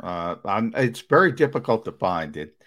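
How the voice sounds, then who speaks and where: A man's voice: lowish voice, very animated, moderate pace, fairly bright tone. A man hosting a sports talk show, asking his co-host questions in a searching, conversational way.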